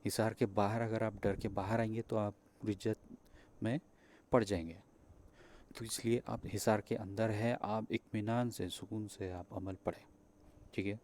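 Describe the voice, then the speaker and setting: Pakistani urdu guy explaining a ritual, low mellow voice, keeps saying theek hai, bit of background hiss. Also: little pitch movement. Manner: repeats steps, checks in with "theek hai"; hesitant, with fillers and restarts. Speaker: spiritual practitioner teaching a ritual. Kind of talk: spoken instruction to viewers.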